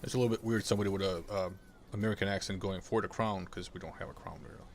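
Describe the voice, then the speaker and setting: Gravelly deep-voiced man streaming a game. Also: steady tone, very fast. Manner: chatty, explaining the game as he plays. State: getting over a cold. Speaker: gaming streamer. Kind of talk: casual gameplay commentary.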